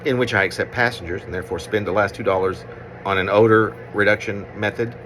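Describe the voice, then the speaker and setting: In a noisy recording, a man poet reads his own autobiographical poem, phrasing it deliberately with pauses in mid-sentence. His voice is on the low side, steady and fairly bright.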